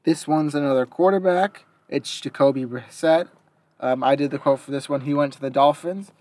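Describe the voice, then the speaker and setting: A man's voice: on the high side, moderate pace, darkish tone, no room sound. Young man hosting a casual sports chat. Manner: reads out quotes, then gives opinions with hesitations. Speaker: podcast host.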